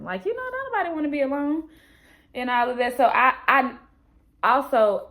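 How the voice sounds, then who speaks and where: An American woman vlogging casually, talking in a candid, expressive, slangy way and reading from her own journal. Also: on the low side.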